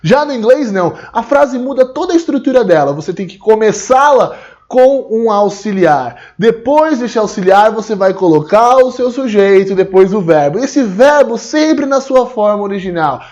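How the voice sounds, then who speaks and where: A Brazilian Portuguese-accented man teaches English to the camera, speaking straight to the viewer. His voice sits high for a man and leaps around lively in pitch. He slows down to model each English phrase carefully. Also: highs cut off. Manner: animated and explanatory, slowing down to model English phrases. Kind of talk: video lesson, direct address to the viewer.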